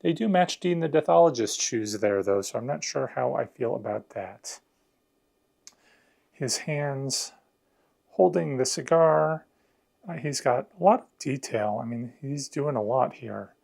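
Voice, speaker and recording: A man's voice: mid-range voice, lively intonation, measured pace, gravelly, darkish tone. A man narrating a hands-on unboxing and review in a casual, conversational, explanatory way. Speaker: product reviewer.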